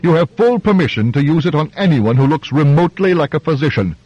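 A man playing a hot-tempered king in a storybook reading, bellowing brusque orders in a raised, strained voice well above the narrator's own pitch. The sound is husky and dry on a slightly muffled old tape. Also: lively intonation, fast, warm tone, no echo. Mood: impatient. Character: hot-tempered male king, commanding and impatient.

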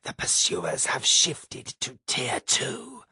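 Man voicing a gravelly, husky alien envoy, very slow, formal, dry sound. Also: medium pitch, wildly swooping pitch, bright, forceful tone, dry recording, heavily acted. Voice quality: rough, papery. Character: alien male envoy, rough papery voice. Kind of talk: audiobook character voice.

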